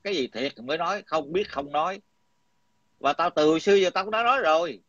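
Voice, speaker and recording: A man's voice: on the high side, lively intonation, fairly quick, fairly bright tone, no room sound. A middle-aged man, talking in a heated, coarse and combative way, repeating himself. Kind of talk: heated casual talk. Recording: dull lo-fi dry sound.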